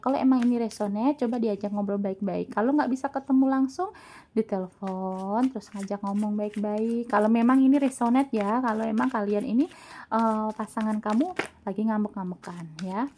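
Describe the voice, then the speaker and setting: A woman's voice: fairly high pitch, normal speed, warm tone. A woman giving a casual tarot reading to her viewers in a chatty, teasing way, laughing often. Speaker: tarot reader.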